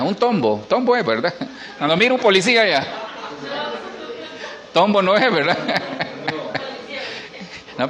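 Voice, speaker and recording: A man's voice: high voice, pushed and bright. A middle-aged man, a pastor preaching a sermon in church and asking the congregation questions. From Honduras.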